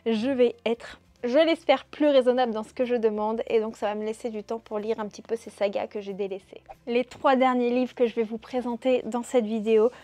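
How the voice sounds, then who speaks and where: Chatty woman with a higher voice. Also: steady tone, fairly quick, hardly any pauses, warm tone, no room sound. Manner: chatty, with frequent hesitations. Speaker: book YouTuber. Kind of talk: casual chat about books.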